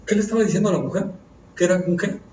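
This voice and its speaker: A man's voice: high voice, racing, darkish tone, a little hiss or hum. A man preaching fervently, often asking his listeners questions. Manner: fervent, asks the audience questions. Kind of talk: sermon. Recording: echoey room from far off, dull and lo-fi.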